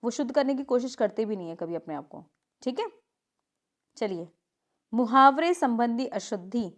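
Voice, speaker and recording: Woman teacher going through grammar examples, kinda high voice, fixes each one with a fast little aside. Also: lively intonation. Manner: reads example sentences, then corrects them in a quick aside. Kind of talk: grammar lesson.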